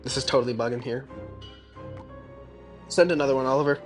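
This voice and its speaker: A man's voice: mid-range voice, steady tone, brisk. A man casually commenting on his own gameplay during a live stream, laid-back and mumbling asides as he reacts to chat. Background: game music.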